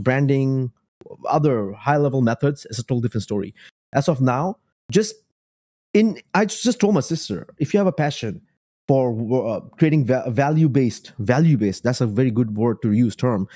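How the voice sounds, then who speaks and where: Animated, joking man with a husky voice. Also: medium pitch. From Bengali. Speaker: online business creator. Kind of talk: casual screen-share commentary.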